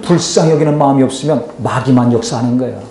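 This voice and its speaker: A man's voice: medium pitch, fast talker, mellow, slight background noise. A male pastor preaching a sermon in church, pressing his points with rhetorical questions and calls to prayer. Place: church sanctuary. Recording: echoey church hall.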